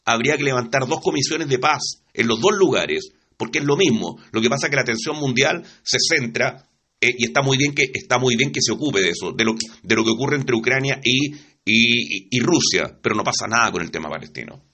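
Husky Chilean male radio host. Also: mid-range voice, expressive, bright, forceful tone. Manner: reflective, halting, with restarts. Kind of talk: radio interview.

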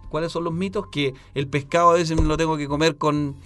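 A man's voice: on the high side, steady tone, fairly quick, a bit bright, soft background music. A man with a Chilean Spanish accent hosting a casual radio chat, playful and given to repeating his phrases. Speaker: radio host.

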